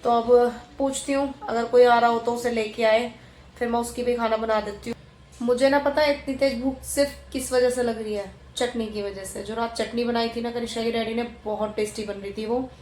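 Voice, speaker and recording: A woman in her thirties chatting casually on a home vlog as a mother, sometimes talking softly and slowly so a sleeping baby stays asleep. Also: fairly high pitch, steady tone, slight background noise. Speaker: vlogger, mother. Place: home, indoors and yard.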